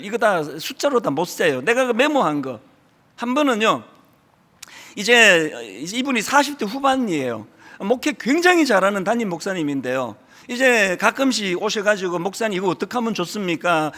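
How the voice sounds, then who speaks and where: Korean pastor in his 60s preaching, voice swooping up and down, long church echo. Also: high-pitched. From South Korea. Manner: emphatic, swinging between loud stresses and hushed drops. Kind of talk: sermon. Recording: reverberant hall.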